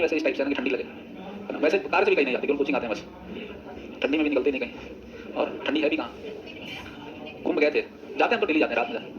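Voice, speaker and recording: A man's voice: a little high, lo-fi sound. A man teaching English grammar in a coaching classroom, drilling students in chorus and teasing them with chatty asides. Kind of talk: classroom lecture with choral drills.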